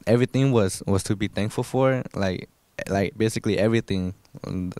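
A teenage boy from Thailand, a youth soccer player, speaking haltingly on an indoor panel. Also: lowish voice, mellow, no room sound.

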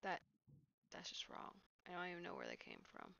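A tired woman casually commenting on her gameplay late at night, talking to herself between yawns and often dropping to a breathy near-whisper. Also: fairly low pitch, wildly swooping pitch, fast, dull audio. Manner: sleepy, yawning, quiet and breathy at times. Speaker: game streamer.

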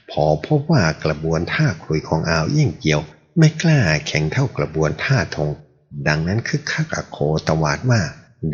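A man reads a martial arts novel aloud in a steady storytelling manner. His voice is very deep and husky, with lively rises and falls. The recording sounds muffled and lo-fi. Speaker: audiobook narrator.

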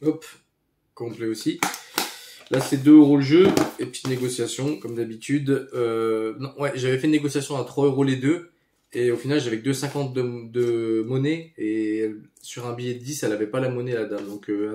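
A man casually showing off his retro game finds, relaxed and hesitant with many fillers. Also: mid-range voice, normal speed. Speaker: retro game collector YouTuber. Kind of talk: casual show-and-tell commentary. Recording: echoey room, faint noise.

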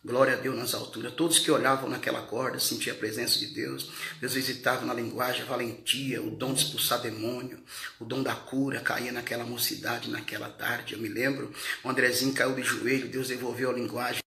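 A man's voice: mid-range voice, level tone, fairly quick, vocal fry, roomy sound. A Brazilian man preaching a fervent testimony sermon, his voice rising when he retells what people said. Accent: Brazilian Portuguese. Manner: fervent, rising to shouts in retold dialogue.

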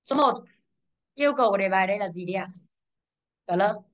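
A woman's voice: medium pitch, a little fast. A woman teaching English to a class, quizzing pupils and drilling pronunciation. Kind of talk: classroom lesson.

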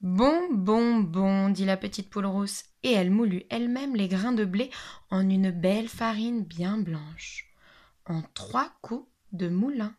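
A teacher with a mid-range voice reads a picture book to young children at a measured pace. Her storytelling is lively, sometimes dropping to a whisper, and she stops to explain words.

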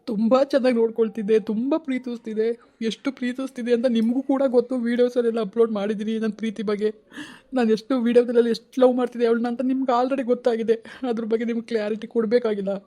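Tearful man with a flat, dark voice. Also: very high voice, quick pace. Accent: Kannada. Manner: tearful, pleading, repeats phrases. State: crying. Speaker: family vlog host. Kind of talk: emotional personal vlog talk to viewers.

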